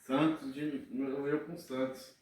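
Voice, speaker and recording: A man's voice: medium pitch, little pitch movement, takes it slowly, a little mellow. A man with a Brazilian accent in casual, boastful gaming banter, recorded at a distance in an echoey, noisy room.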